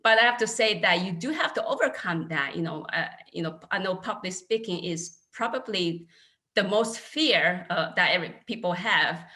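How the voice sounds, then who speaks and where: A woman in her thirties from China, with a Chinese accent, recounts experiences candidly and earnestly as an accounting panelist during a casual video-call discussion. Her fairly low voice sounds pushed and bright, with lively intonation at a moderate pace.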